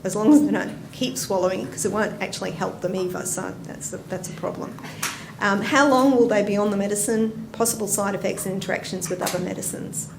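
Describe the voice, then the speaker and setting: This Australian woman speaks briskly in a mid-range voice with vocal fry. She's a nurse educator delivering a conversational, story-filled conference talk, quizzing the audience as she goes, and the hall sounds roomy with noise behind her.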